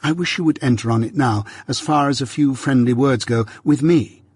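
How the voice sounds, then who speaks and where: A man reads aloud in a mid-range voice at normal speed with a breathy edge, lightly acting as an affectionate young Victorian gentleman who greets his friend eagerly and warmly in a raised, bright voice. The studio recording is clean, with no room sound.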